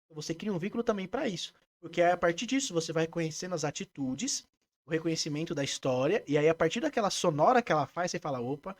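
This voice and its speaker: Animated Brazilian man who sings examples. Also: fairly high pitch, quick pace. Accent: Brazilian Portuguese. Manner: animated, demonstrates by singing snippets. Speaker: music therapist guest. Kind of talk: explanatory interview talk.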